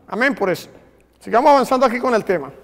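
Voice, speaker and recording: A man's voice: very high-pitched, lively intonation, quick pace, a bit bright. A man preaching a sermon, asking the congregation questions and answering them himself. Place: church hall. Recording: long reverb of a church hall.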